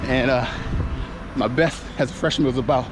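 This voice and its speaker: A man's voice: mid-range voice, fairly even intonation, normal speed, background noise. An American man in his forties chatting casually and a bit ramblingly while jogging outdoors. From United States. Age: 40s. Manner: laid-back, rambling, talking while jogging. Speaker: running vlogger. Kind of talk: casual vlog chat while running. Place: outdoors, on a run. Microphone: handheld action camera. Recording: action camera outdoors with music behind.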